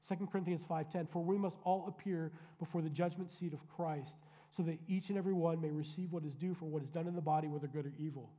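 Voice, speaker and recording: A man's voice: fairly high pitch, fairly even intonation, fast talker, warm tone. Man preaching in a reverberant church. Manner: conversational preaching with asides to the congregation. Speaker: pastor. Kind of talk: sermon. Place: church sanctuary.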